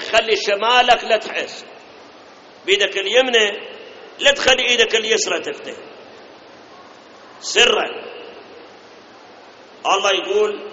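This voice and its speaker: A preacher with an Iraqi Arabic accent sermonizes in a high, bright, forceful voice, asking rhetorical questions, addressing listeners directly, and slowly chanting drawn-out scripture verses. The dull, lo-fi recording rings with long hall reverb over a faint hiss.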